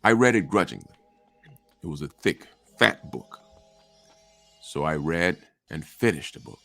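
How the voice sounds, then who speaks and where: A man telling a first-person story dramatically, dropping to quiet asides and rising sharply for quoted lines. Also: rumbling low, expressive, measured pace, vocal fry, soft background music.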